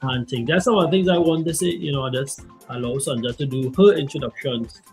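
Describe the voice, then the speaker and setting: Trinidadian man, co-host, mid-pitch voice, rambling easygoing chat, faint music behind. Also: brisk, a little mellow, rough recording. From Trinidad and Tobago. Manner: rambling, filler-heavy, easygoing. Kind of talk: casual chat show.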